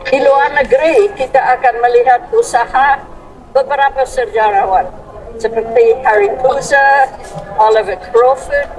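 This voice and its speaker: Older female foreigner speaking Indonesian, foreign accent, stiff and halting, slow semi-formal address, rather high voice. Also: fairly even intonation, poor audio. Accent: foreign, non-Indonesian. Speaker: author and translator speaking at a book discussion. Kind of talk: prepared thank-you speech, semi-formal.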